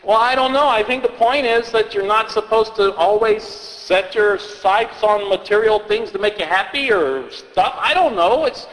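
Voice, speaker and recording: A man's voice: high voice, normal speed, few pauses, a bit bright, big-room sound, low-quality recording. A man telling and reading folk tales aloud in a rambling, hesitant way, often restarting his sentences. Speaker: storyteller.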